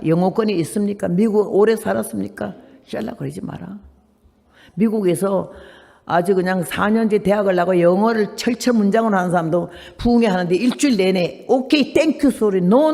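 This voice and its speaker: Gravelly-voiced woman in her eighties preaching. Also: medium pitch, brisk. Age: 80s. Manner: animated storytelling, acts out dialogue, emphatic rhetorical questions. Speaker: missionary preacher. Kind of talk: sermon. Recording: long hall reverb.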